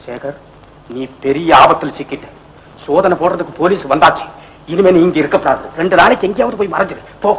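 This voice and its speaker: Brief: a steady young hero giving firm orders, mid-high voice. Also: male voice, fast talker, poor audio. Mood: urgent. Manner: firm, urgent. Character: loyal young man warning his friend to hide.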